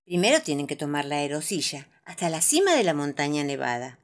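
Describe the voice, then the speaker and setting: A woman narrating children's stories aloud in an expressive, animated reading. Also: low-pitched, brisk. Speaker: storyteller.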